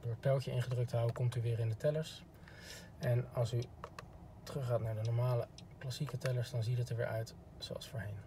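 The speaker is a man with a mid-range voice, a flat delivery, and a brisk pace. As a car product expert, he gives a polite, casual how-to demo inside a parked car, and the background sounds clean.

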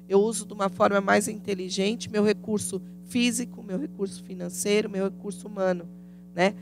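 A woman in her thirties with a Brazilian Portuguese accent lectures on business in a conference room. Her voice has a noticeable fry. She speaks into a handheld mic, teaching patiently and often checking in with the audience through rhetorical questions. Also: medium pitch. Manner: didactic, asks rhetorical questions, frequent tag "né?". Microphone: handheld microphone.

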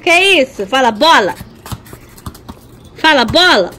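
A woman's voice: high-pitched, lively intonation, slow. A woman with a Brazilian Portuguese accent, chatting playfully and teasing her children while she films them on her phone. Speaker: vlogger and mother filming her family. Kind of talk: casual family vlog chat. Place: yard outdoors, then a home birthday party. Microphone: phone camera she is holding. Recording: roomy, noisy phone audio from a distance.

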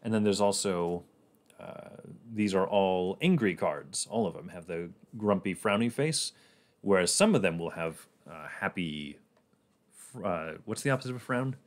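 A man's voice: low-pitched, moderate pace. A man casually talking through his moves in a board game on a livestream, rambling and laughing often.

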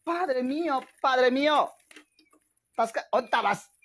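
A man's voice: very high-pitched, animated, a little slow, fairly bright tone, slightly rough. A man with a Mexican accent chatting on a live stream, dramatic and full of exclamations, calling his viewers "sisters". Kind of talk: casual live-stream chat.

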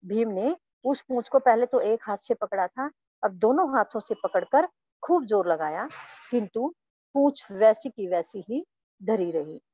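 A woman's voice: mid-range voice, expressive, unhurried, warm tone, slightly rough, no echo. A woman teacher reads a story lesson and explains it in plainer words as she goes. Her voice sits in the middle range. The sound is dull and dry, with a closed-in feel. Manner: reads each passage, then retells it in plainer words. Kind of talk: reading and retelling a textbook story.

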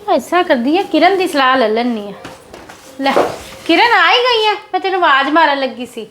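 A woman with a very high voice plays a family woman in a home drama skit. She coaxes and reassures, with clear noise behind her. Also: big pitch swings, a little fast. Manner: coaxing, reassuring. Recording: noisy background.

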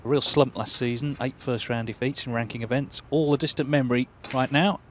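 A man giving measured snooker commentary as a match commentator. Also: mid-range voice, steady tone, slight background noise.

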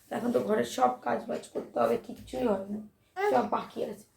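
A woman's voice: on the high side, fairly even intonation, fairly quick, creaky, darkish tone. A young mother and vlogger chatting casually at home, tired from lack of sleep, rambling and fretful with many restarts. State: sleep-deprived. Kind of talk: casual home vlog chat.

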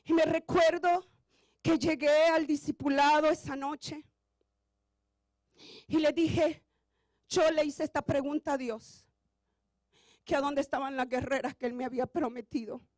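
A woman pastor delivers an impassioned sermon in a strikingly high voice. Her preaching swells toward shouts. The sound is dry, with no room echo. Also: fairly even intonation, measured pace, pauses often.

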